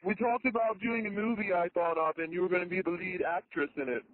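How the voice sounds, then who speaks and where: A woman using a voice changer to pose as a male caller named Frank, pressing a deadpan prank over the phone. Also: lowish voice, quick pace. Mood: insistent. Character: fake caller posing as a man named Frank. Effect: voice changer morphing her voice. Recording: tinny phone line with faint hiss.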